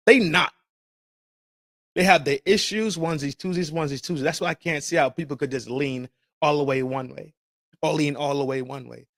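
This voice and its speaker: A podcast host with a highish, fairly bright voice rants briskly and casually about politics, swearing heavily and using street slang. He's profane, emphatic and repetitive, and the recording is dry with clean studio sound.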